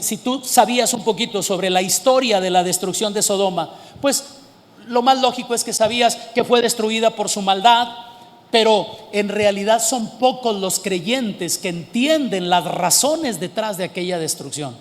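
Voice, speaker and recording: A man preaching a sermon as pastor, slowing down to stress words and at times rising to emphatic shouts. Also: high voice, in a large hall.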